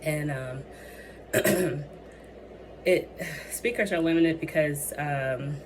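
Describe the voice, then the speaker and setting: A young woman is losing her voice as she gives a hesitant presentation of her capstone project, full of ums and restarts. She speaks very slowly in a low voice, with noisy ambience in the background.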